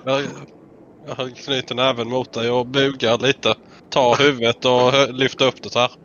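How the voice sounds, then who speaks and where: A man's voice: medium pitch, level tone, fairly bright tone. A man playing a tabletop role-playing game, casually describing what his character does. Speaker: player. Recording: muffled lo-fi recording with faint noise.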